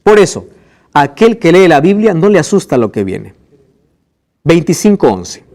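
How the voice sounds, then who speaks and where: A man preaching a sermon in a high, lively voice that swoops up and down. He keeps asking his listeners questions and slows down to act out the scripture quotes with drama. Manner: rhetorical questions to the congregation, dramatic slowed quotes. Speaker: pastor.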